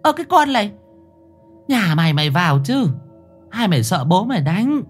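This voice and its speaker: A man's voice: high voice, very animated, normal speed, breathy edge, soft background music, voice pushed up, exaggerated voice. A man doing a fretful village mother. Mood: anxious scolding. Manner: fussing, urgent, pleading. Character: worried middle-aged village mother, scolding yet tender.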